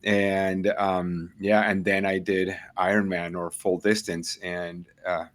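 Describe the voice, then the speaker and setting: Man from Venezuela, middle-aged, low-pitched, halting with lots of fillers, casual interview guest. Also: flat delivery. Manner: hesitant, many fillers and restarts, laughs easily. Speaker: triathlon coach, guest.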